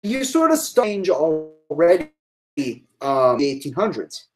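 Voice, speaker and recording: A woman's voice: sits low, very animated, unhurried, rough recording. A woman giving a live-streamed history lecture to online students, thinking aloud with fillers and asides.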